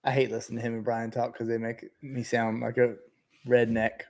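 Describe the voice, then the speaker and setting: A man's voice: mid-range voice, level tone, brisk, a little mellow. A man chatting casually and informally as a co-host, with a folksy way of talking. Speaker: podcast co-host, volume photographer. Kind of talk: casual chat.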